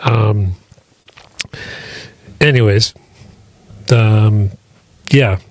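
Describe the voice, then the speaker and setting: A man's voice: lowish voice, very slow, a little mellow. A middle-aged father hosting a podcast, chatting casually and rambling with restarts and asides.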